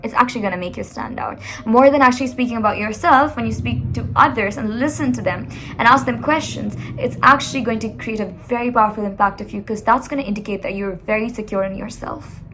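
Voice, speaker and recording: Expressive woman giving motivational advice. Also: a little high, fast, background noise. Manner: expressive, animated, addresses viewer directly. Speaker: communication skills coach.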